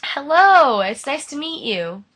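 A woman's voice: sits high, big pitch swings, unhurried, fairly bright tone. A teenage girl hosting a livestream, chatting playfully with a caller and giggling often. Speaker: livestream host. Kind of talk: casual livestream chat.

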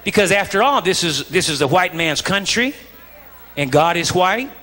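High-voiced preacher in a big echoing hall. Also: male voice, moderate pace, slight background noise. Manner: animated, folksy preaching that swings from quiet asides to shouts. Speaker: pastor. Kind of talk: live sermon. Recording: long reverb of a large hall.

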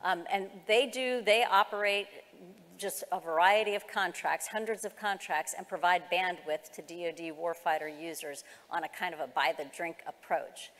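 A government executive, a middle-aged American woman, speaks at normal speed in a fairly bright voice on the low side. Her keynote is explanatory and semi-formal, given on stage in a large conference hall whose sound reverberates.

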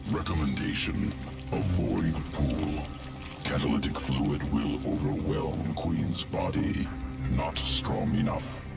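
Deep, clinical alien creature. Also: male voice, very animated, slow pace, vocal fry, loud music behind the voice, full character voice. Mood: detached. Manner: clipped, detached, telegraphic phrasing. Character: clinical, emotionless alien evolution scientist creature.

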